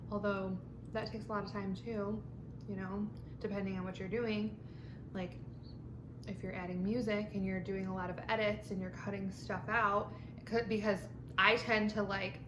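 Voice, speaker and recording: A woman vlogger rambling casually and informally to camera over lunch, with frequent filler words and mild swearing. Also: mid-range voice. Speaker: vlog host. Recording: echoey room with clear background noise.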